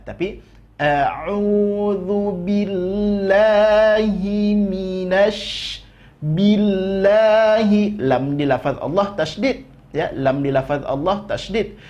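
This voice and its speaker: A man teaching correct Quran recitation, explaining slowly and drawing out each demonstrated word. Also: fairly high pitch, darkish tone, muffled recording. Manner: slow, deliberate explanation, drawing out demonstrated words. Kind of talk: tajwid lesson with modeled recitation.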